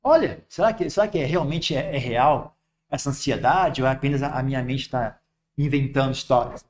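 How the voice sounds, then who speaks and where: A man's voice: medium pitch, normal speed, a little mellow. A man with a Brazilian Portuguese accent, a Buddhist monk giving a conversational dharma talk, often tagging "sabe?" and "né?".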